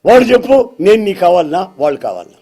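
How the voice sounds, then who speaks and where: A man's voice: high voice, lively intonation, moderate pace, warm tone, breathy edge. A man preacher voicing a compassionate male savior who questions and urges a troubled man in a sermon story. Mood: urgent. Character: compassionate adult male savior, gently challenging.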